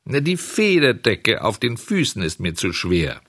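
A man voicing a stubborn, whiny puppet boy in a storybook reading, whining and pleading in a high, excited voice. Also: a little slow, no echo, clean studio sound, exaggerated voice.

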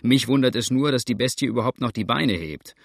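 A man voicing a sharp-eyed male hunter in an audiobook, speaking in a pointed, commanding way. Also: mid-range voice, brisk, vocal fry, no echo, clean studio sound. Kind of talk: audiobook character reading.

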